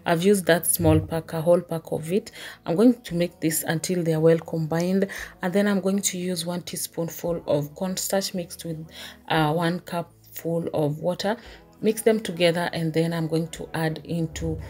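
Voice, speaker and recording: Husky woman explaining her cooking calmly. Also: on the low side. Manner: calm step-by-step explaining with many "uh" pauses. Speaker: vlogger, stay-at-home mum. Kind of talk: casual cooking voice-over. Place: small home kitchen. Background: soft background music.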